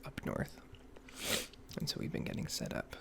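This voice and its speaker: A gaming ASMR creator gives a halting, rambling update, mostly whispering in a hushed, breathy voice that's slightly nasal as he gets over an illness. Some background noise is present.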